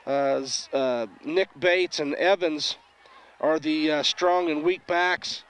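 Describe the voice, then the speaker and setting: A man giving local high school football commentary in a folksy, rambling way, full of fillers. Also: fairly even intonation, slow, a bit bright, clear, resonant tone.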